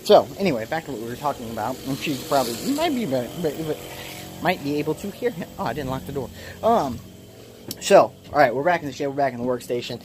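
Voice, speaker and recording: Male, late 20s, hobby maker vlogging from his shed on a phone, mid-pitched, self-deprecating ramble, faint background hiss. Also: sing-song, fast, darkish tone. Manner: rambling, self-deprecating, many restarts and ums. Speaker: hobby kydex holster maker. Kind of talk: casual workshop vlog. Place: small home workshop shed. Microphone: phone camera.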